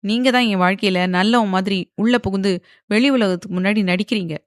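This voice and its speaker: A woman's voice: mid-range voice, brisk, no room sound, studio quality, lightly acted. A woman voicing a proud young woman who answers back angrily and sarcastically, in an audio novel. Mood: defiant. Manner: angry, sarcastic.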